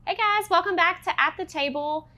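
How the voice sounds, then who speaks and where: A woman's voice: extremely high pitch, normal speed. A young woman hosting a cooking show, upbeat and chatty, who laughs easily and asks a lot of questions. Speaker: host. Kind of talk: casual cooking show chat.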